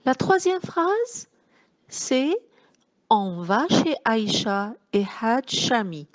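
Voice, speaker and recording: Brief: woman schoolteacher, very slow deliberate delivery, melodic rising and falling voice, spells out syllables. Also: fairly high pitch, very animated. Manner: slow, syllable-by-syllable dictation, addressing pupils warmly as children. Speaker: teacher. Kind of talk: slow phonics lesson for young children.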